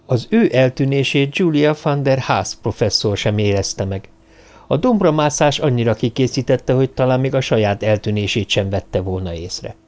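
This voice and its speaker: A man narrating an audiobook in a steady storytelling manner. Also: medium pitch. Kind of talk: scripted narration.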